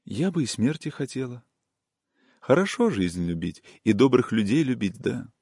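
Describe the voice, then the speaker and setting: A man voicing a tender, melancholy young peasant woman in an audiobook reading, with a soft, soothing, singsong manner. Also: mid-range voice, very animated, moderate pace, husky, no echo, clean studio sound.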